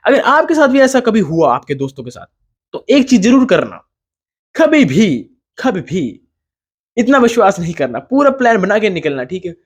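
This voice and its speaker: A young man from Jammu telling a storytime vlog, animated and dramatic, constantly calling the listener bro. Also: high-pitched, moderate pace, breathy edge. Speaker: vlogger.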